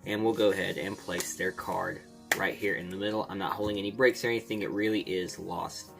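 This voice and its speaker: A man's voice: deep voice, fairly even intonation, brisk, creaky, music in the background. A man giving a casual, informal step-by-step tutorial as an amateur magician, talking directly to his viewers. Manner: informal, addresses viewers as guys.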